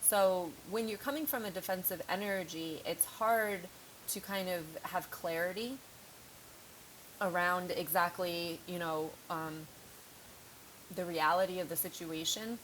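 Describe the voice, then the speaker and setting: A woman's voice: on the low side, unhurried, fairly bright tone, slight background noise, poor audio. A woman reading tarot cards in a casual, frank way, thinking aloud, with a slightly sore throat. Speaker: tarot reader.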